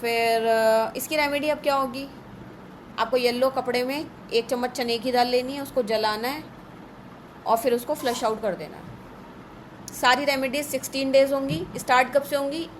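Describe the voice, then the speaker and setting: A woman teaching an astrology class in a live online session, brisk and a little scolding as she runs through lists. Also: sits high, fairly even intonation, a little hiss or hum, low-quality recording.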